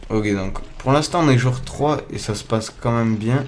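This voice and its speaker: Excitable swearing young gamer guy. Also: mid-range voice, moderate pace, slight background noise. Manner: excitable, swears a lot, talks to the viewers; loud startled outbursts and laughs. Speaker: gamer playing a survival game. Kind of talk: casual let's play commentary. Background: faint game music.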